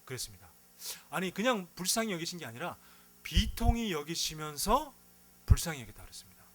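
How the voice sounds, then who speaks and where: Man, pastor, sermon, fairly high voice, very lively pitch, storytelling, rhetorical questions. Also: brisk.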